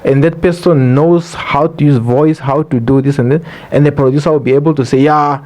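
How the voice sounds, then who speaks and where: A man's voice: on the high side, steady tone, a little fast, a little mellow. A man with a Namibian accent speaking as a podcast guest, explaining things earnestly in casual interview talk.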